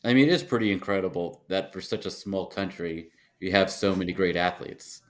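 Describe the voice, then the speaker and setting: Deep-voiced male host, relaxed and joking, casual interview chat. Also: fairly quick. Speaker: podcast host.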